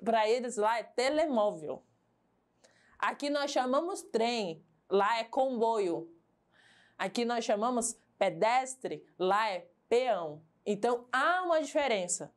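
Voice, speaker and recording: Higher-voiced woman teaching a lesson. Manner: explains step by step, asks and answers her own questions. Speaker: Portuguese teacher. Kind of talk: televised classroom lesson.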